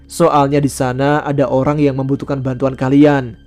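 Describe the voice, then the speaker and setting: A man's voice: mid-range voice, level tone, normal speed, a little mellow, faint music behind, close to an everyday voice. A man doing a mysterious middle-aged stranger. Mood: grave.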